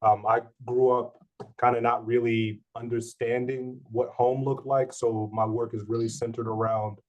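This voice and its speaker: Slightly hoarse man on a video call. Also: mid-range voice, normal speed, dull audio. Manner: relaxed and friendly, easygoing slang. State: slightly hoarse, recovering from a respiratory infection. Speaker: artist, photographer. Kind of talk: casual artist talk.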